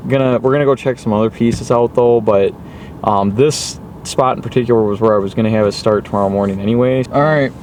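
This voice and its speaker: Man, mid-pitched, casual vlog talk, outdoors, background noise. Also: fairly quick, darkish tone. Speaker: hunting vlogger. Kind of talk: casual vlog update to camera. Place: outdoors at a rural hunting spot.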